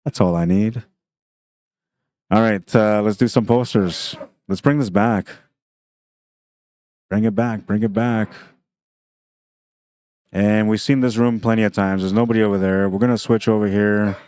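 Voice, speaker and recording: A man's voice: fairly low pitch, fairly even intonation, a little slow, pauses often, a little mellow, clean tone, dry recording, clean studio sound. A man giving casual play-by-play commentary on a pool livestream, thinking aloud about the shots in a chatty way.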